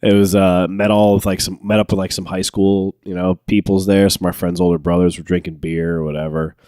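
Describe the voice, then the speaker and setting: A young man with a fairly low voice tells a story on a podcast, lively and laughing, and often breaks into high squeaky impressions of what people said. He is recorded close and dry in a studio. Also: brisk, dry recording. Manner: animated, laughing, jumps into high-pitched quoted voices. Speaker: podcast co-host. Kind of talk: casual storytelling chat.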